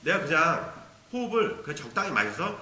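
Brisk and very animated, a man with a slightly high, pushed and bright voice teaches beginners the ocarina in a video lesson. He patiently explains tonguing syllables and sounds them out aloud, and the audio is reverberant.

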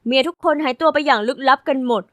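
A woman's voice: sits high, quick pace, a bit bright, dry recording, studio quality. A woman voicing a meek teen boy. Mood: worried. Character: timid teen boy classmate, meek and gossipy.

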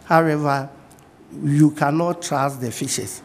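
A middle-aged man with a Ghanaian accent and a fairly high voice speaks calmly in a TV studio interview, going back over his main points. His voice trails off into a long studio reverb, over a faint background hiss. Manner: measured, repeats key points. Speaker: fishing industry guest.

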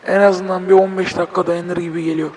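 A young man with a Turkish accent commenting on a horror game as he plays, joking, swearing and breaking into panicked shouts. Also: high voice, little pitch movement, fast talker, long reverb tail, a little hiss or hum, low-quality recording. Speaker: gaming video host.

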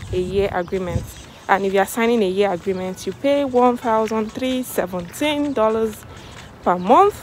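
Young woman vlogging outdoors, muffled by a mask. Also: mid-range voice. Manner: chatty, hesitant with many fillers. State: wearing a face mask against the cold. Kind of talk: casual walking vlog. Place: outdoors in a snowy apartment complex. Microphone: phone held at arm's length.

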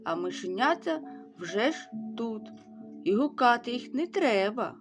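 A woman reading a folk tale aloud with slow, expressive storytelling. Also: fairly high pitch, faint music behind.

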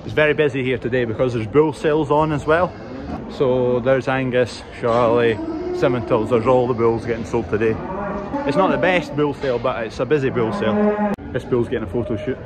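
A man's voice: mid-range voice, a little fast. A man in his twenties with a Scottish accent, a farmer talking casually to camera for a vlog. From Scotland. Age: 20s. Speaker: cattle farmer and vlogger. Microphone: handheld phone at arm's length. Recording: very noisy farm, vehicle and market background.

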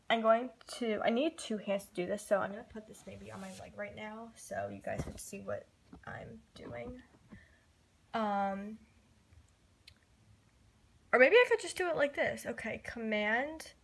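A woman's voice: fairly high pitch, gravelly. A young woman YouTuber filming a casual tutorial vlog on her phone from her bed, talking in a chatty, rambling way full of "like" and "um". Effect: recorded on a phone. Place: sitting on her bed at home. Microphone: phone camera.

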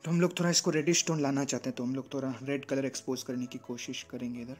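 A man giving a casual step-by-step photo editing tutorial, often pausing to check in with the viewer. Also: mid-range voice, fairly even intonation, soft background music. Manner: explains step by step, often checks in with "theek hai na". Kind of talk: casual screen-recorded tutorial.

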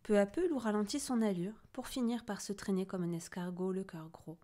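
A woman with a medium-pitched, warm voice reads a children's picture book aloud at a brisk pace. As a storybook reader, she narrates expressively and does the characters' voices.

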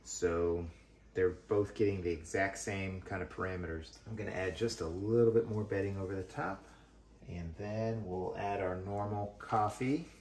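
A man's voice: low voice, fairly even intonation, moderate pace, darkish tone, roomy sound. A man hosting a hobby video, casually explaining what he finds while digging through a worm bin with his hands. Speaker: worm farming channel host.

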